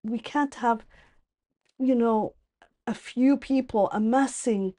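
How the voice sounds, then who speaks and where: Warm-voiced middle-aged woman, thoughtful guest. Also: fairly high pitch, slow. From born in Ethiopia, raised in the UAE. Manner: thoughtful, hesitant, restarts and fillers. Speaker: podcast guest. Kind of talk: casual conversational interview.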